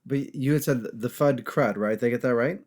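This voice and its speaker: A man's voice: medium pitch, a little fast, a little mellow. Man hosting, short affirming questions. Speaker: interview host.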